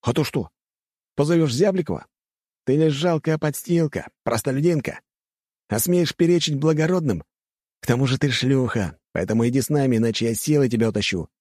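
A man's voice: mid-range voice, fairly quick, a little mellow, no room sound, studio quality, voice pushed up, close to an everyday voice. A man doing a sneering young aristocrat bully. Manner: sneering and mocking. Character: young male aristocrat student, arrogant bully.

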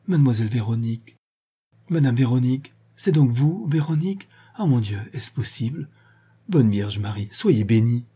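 A man's voice: medium pitch, expressive, normal speed, warm tone, husky. A man reading the part of a solemn, devout Breton peasant woman in an audiobook. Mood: tearful joy. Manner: solemn, fervent.

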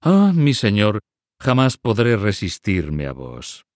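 Man playing a cunning older banker, smooth, persuasive, lively inflection. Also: on the low side, slow, dry recording, heavily acted. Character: cunning older Italian male banker, soft-spoken.

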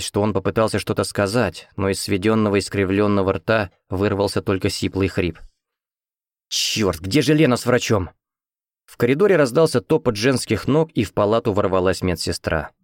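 A man narrating an audiobook in the first person with a steady, even reading. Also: fairly low pitch, no room sound, clean studio sound. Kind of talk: scripted narration.

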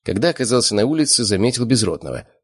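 A man's voice: medium pitch, sing-song, rapid-fire, slightly rough. A man reading a first-person audiobook with a dry, sardonic manner. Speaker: audiobook narrator.

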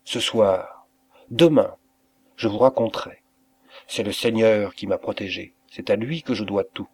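A man's voice: fairly low pitch, a little slow, a little mellow, slight background noise. A man voicing an emotional, grateful innkeeper who speaks in raised, exclamatory bursts. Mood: earnest. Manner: effusive, exclamatory.

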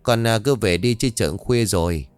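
A man voicing a kindly older village woman who gently consoles a grieving mother. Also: on the low side, moderate pace, smooth, no echo, soft background music, lightly acted.

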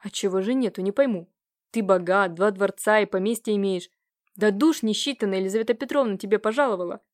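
Woman doing a grumpy jealous old uncle, hoarse, scolding, pitch jumps up when he gets worked up. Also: fast talker, lightly acted. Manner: hoarse, scolding, rising to exclamations. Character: agitated older nobleman uncle, jealous and nagging.

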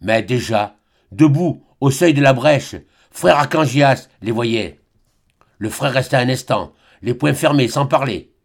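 Guy reading an old novel aloud, slow and dramatic, plain mid voice. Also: mid-range voice, animated, gravelly. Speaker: audiobook reader. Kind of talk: literary audiobook narration.

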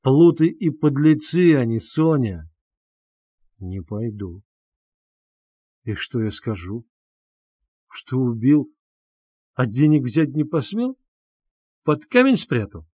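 A man's voice: mid-range voice, big pitch swings, slow pace, long pauses, mellow, husky, no room sound, clean studio sound, full character voice. A man playing a tormented young man who speaks bitterly and sardonically in an audiobook.

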